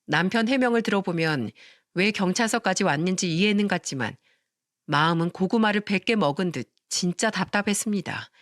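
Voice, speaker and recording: A woman's voice: medium pitch, expressive, fairly quick, dry recording, clean studio sound. A woman narrating a first-person family story, acting out heated quarrels.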